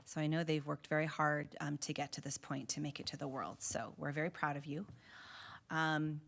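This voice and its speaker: A woman school board trustee giving comments at a board meeting, thanking people and pausing often on ums. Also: low voice, fairly even intonation, gravelly. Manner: warm thank-yous with many ums.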